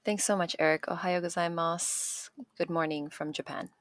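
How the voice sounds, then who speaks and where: A woman in her thirties, raised in Chicago, speaking as an interview guest, thoughtful and pausing often as she restarts sentences. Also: fairly low pitch, fairly even intonation, no echo, clean studio sound. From Chicago, United States. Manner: thoughtful, many pauses and restarts. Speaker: guest, artist and activist. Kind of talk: interview conversation. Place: home in Japan, remote call.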